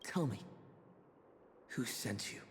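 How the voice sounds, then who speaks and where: A man's voice: slow pace, big-room sound, close to an everyday voice. A man voicing a stern, suspicious interrogator. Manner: demanding, suspicious.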